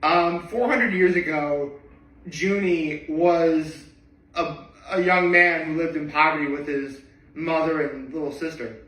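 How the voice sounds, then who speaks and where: Chatty man, bright voice, echoey distant room. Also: fairly high pitch. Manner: rambling, filler-heavy, enthusiastic. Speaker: vlogger. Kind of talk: casual movie chat.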